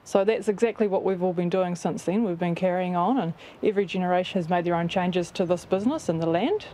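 A woman's voice: lowish voice, fast, noisy background. A young woman with a New Zealand accent, a farmer talking earnestly and chattily in a documentary interview. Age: young adult. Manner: earnest, chatty, with fillers like "like" and "actually". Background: background music.

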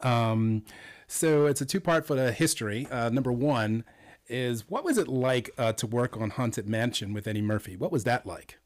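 A man's voice: medium pitch, lively intonation, moderate pace. A man hosting an online interview, friendly and full of praise, with hesitant fillers. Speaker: interview host. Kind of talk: casual interview.

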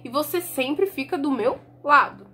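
A woman's voice: sits high, expressive, unhurried, pushed and bright, a little hiss or hum, exaggerated voice. A woman voicing an impatient young husband and hunter, who talks bluntly in a told story. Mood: brisk.

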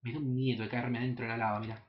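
A young man with a Rioplatense Spanish accent giving casual, excitable, profanity-laden commentary while playing a video game, sometimes breaking into high yelps. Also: rapid-fire, dull audio, a little hiss or hum. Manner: excitable, swears often, jumps into high yelps. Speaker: gaming channel host. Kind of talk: casual let's play commentary.

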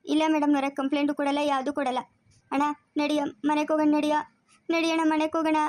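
A woman doing a begging grandmother, high, flat, rapid, dry close sound. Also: no echo, natural voice. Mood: pleading. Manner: begging, tearful pleading. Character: pleading older village woman, soft-hearted grandmother.

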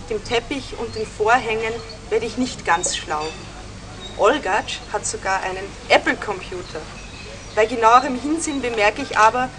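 A woman reading a first-person travel story, telling it dryly and switching into English for the quoted dialogue. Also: fairly high pitch. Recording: clear background noise.

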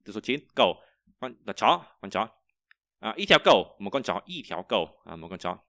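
A man's voice: fairly low pitch, very animated, fairly bright tone, dry recording, clean studio sound. Man teaching word by word. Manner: explains word by word, repeats example sentences slowly; frequent hesitations. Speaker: Chinese teacher. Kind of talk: vocabulary lesson.

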